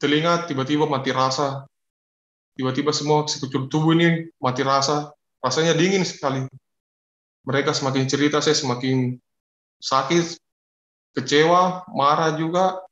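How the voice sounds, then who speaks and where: A man giving an emotional personal faith testimony as a guest, speaking haltingly and repeating his phrases. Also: a little high, fairly bright tone, roomy sound, dull audio.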